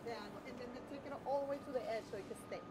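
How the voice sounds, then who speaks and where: An upbeat woman guiding clients through a big stone warehouse, practical and quick with instructions. Her voice sits a little high. Loud warehouse noise runs all through the recording. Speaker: stone showroom guide. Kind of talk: casual on-site walkthrough. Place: large stone slab warehouse, indoors.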